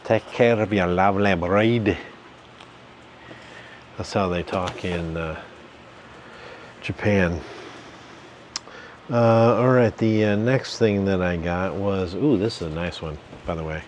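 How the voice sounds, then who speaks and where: A man's voice: deep voice, takes it slowly, pauses often, a little mellow, slight background noise. A man, hosting a casual home vlog, rambling in a folksy, jokey way with lots of fillers. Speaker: channel host, reseller. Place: home basement.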